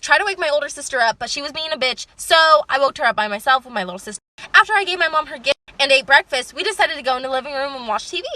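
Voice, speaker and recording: A young woman rattles through a casual story time with lively, emphatic delivery and plenty of swearing. Her voice sits high and sounds bright and forceful. The recording is close and dry. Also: no echo.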